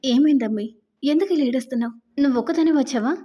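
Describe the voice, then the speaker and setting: A woman reading as a gentle worried father. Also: high voice, fast talker. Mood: concerned.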